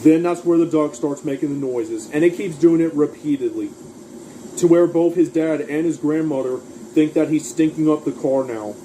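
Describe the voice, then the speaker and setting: A man's voice: on the high side, normal speed, warm tone, slight background noise, low-quality recording. A man casually recapping a cartoon episode, rambling through the plot and quoting lines along the way. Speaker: cartoon reviewer.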